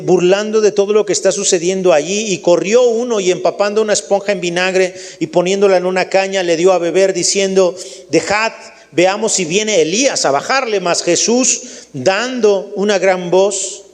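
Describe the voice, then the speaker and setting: A man with a Mexican Spanish accent delivers a sermon in a high voice, talking straight to his congregation. He restarts phrases as he goes and calls the listeners family. His voice trails off into a long reverb, as if he were in a large church. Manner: preaching with many restarts, addresses the congregation as family. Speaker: pastor.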